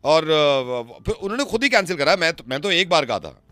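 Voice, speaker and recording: A man's voice: a little high, sing-song, brisk, bright, forceful tone, no room sound, studio quality. A man playing a radio prank call, chatting along innocently while provoking the person on the line. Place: radio studio.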